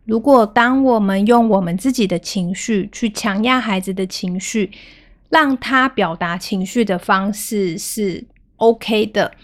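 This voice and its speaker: A woman in her thirties hosting a parenting podcast, retelling a family story in a calm, gentle way. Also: medium pitch, unhurried.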